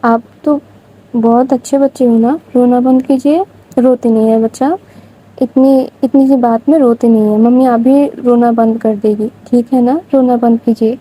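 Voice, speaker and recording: A woman voicing a short-tempered young woman boss who talks in a quick, scolding way. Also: a little high, flat delivery, dark tone, husky, poor audio. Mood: soothing. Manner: scolding, rapid and impatient.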